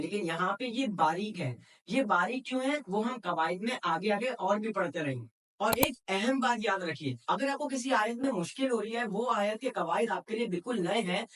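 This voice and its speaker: Guy teaching quran recitation, asks questions then answers them, stretches syllables slowly, bit far from mic. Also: sits high, a bit bright. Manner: explanatory, poses rhetorical questions and answers them. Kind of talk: step-by-step tajweed lesson.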